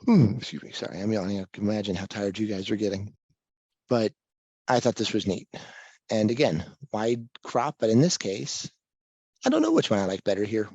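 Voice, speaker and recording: Low-voiced easygoing man presenting slides. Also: big pitch swings, normal speed, a little mellow, slightly rough, no room sound, highs cut off. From Kansas. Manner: easygoing and self-deprecating, thinking aloud with restarts. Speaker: guest presenter at a photography talk. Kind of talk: slide presentation to a live audience. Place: library meeting room. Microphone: handheld or stand microphone with popping plosives.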